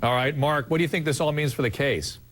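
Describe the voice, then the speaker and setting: A man hosting a televised panel discussion, earnest and halting, often restarting his sentences. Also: on the high side, a bit bright, slight background noise. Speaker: TV talk show host.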